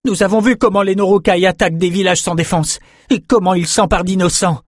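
A man voicing an angry young male swordsman who growls loudly and defiantly in a storybook. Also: high-pitched, steady tone, fairly quick, no echo, studio quality, voice pushed up. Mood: furious. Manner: raised, growling voice.

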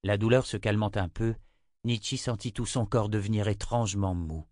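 Male audiobook narrator with a low voice, steady measured read, dry booth sound. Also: dry recording. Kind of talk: scripted narration.

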